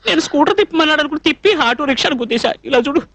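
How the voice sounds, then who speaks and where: An actor playing a naive, shy young male cook in a dubbed film, talking fast and fussily with sing-song jumps in pitch. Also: gravelly, no echo, exaggerated voice. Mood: earnest. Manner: rapid, lively, fussy talk with high sing-song pitch jumps.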